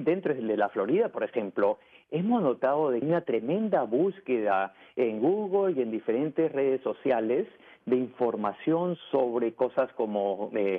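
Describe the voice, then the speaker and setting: A man from Peru, a pediatrician guest, answering interview questions with restarts and some English mixed in. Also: medium pitch. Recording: tinny phone line.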